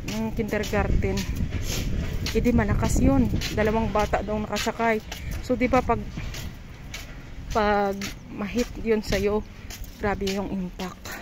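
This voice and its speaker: A woman chatting casually while walking outdoors and filming a vlog on a handheld phone, mixing English words into her talk. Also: medium pitch. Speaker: vlogger. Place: outdoors on a street. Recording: noisy outdoor street sound.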